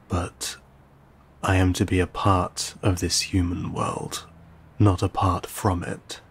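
A man gives a heavily acted performance as an old vampire in an intimate audio roleplay addressed directly to the listener. His voice is low and husky, slow and breathy, often sinking toward a whisper. Beneath his courteous, teasing, archaic, and formal speech lies a lonely hunger.

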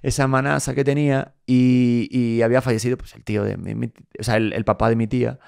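A man hosts a podcast in casual chat. His voice sits in a middle register. He tells stories in an animated, jokey and emotional way. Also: mid-range voice, brisk, vocal fry, clear, resonant tone. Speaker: podcast host.

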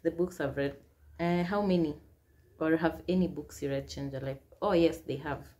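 In a casual YouTube Q&A vlog, a Kenyan woman in her twenties reads out get-to-know-me questions and answers them chattily, slipping Swahili phrases into her Kenyan-accented speech. Her voice is low and moves at a normal speed, with some background noise audible. She sits by a plain wall in a small room indoors.

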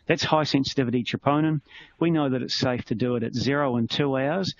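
A man's voice: medium pitch, brisk. A man with a New Zealand accent, giving a conversational medical teaching webinar and explaining with everyday analogies. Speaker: clinician presenting a webinar. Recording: slightly muffled with faint noise.

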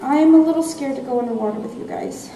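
A woman's voice: high voice, fast talker, mellow, distant mic, lightly acted. A woman playing a nervous, apologetic cartoon pony in a live amateur stage skit, hesitant and sheepish. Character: nervous, apologetic female cartoon pony afraid of going underwater. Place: on stage in a convention ballroom. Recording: echoey ballroom stage from afar, faint noise.

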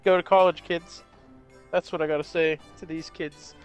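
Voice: medium pitch, flat delivery, normal speed, soft background music. A young adult chatting casually while gaming, joking and swearing in slangy party chat.

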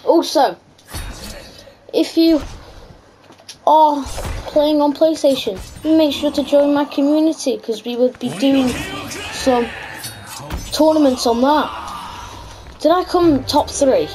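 Female gaming host, high-pitched, chatty and reactive, casual commentary over background music. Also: takes it slowly, long pauses, dark tone, rough recording. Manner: chatty, reacts aloud to the game. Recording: music behind the voice.

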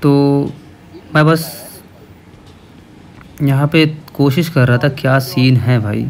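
A man's voice: mid-range voice, slow pace, a little hiss or hum. A man hosting a gaming channel, casually explaining his gameplay to viewers.

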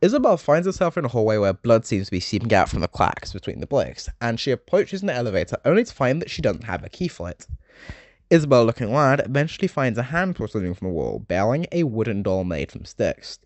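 A young man in his late teens narrating a game summary video essay, chatty and full of joking asides with dark humor. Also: mid-range voice, sing-song, fast, no echo.

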